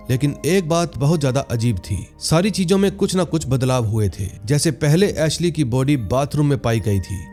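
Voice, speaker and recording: With a warm tone and medium pitch, a man tells a scripted movie recap as a story. A music bed runs beneath his narration.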